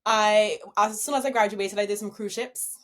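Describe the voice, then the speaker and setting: A young woman from Barbados talks through her dance career as an interview guest, upbeat and laughing easily. Her voice sits at an ordinary pitch for a woman and flows like casual storytelling. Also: fairly even intonation, moderate pace. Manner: upbeat, laughs easily while telling stories.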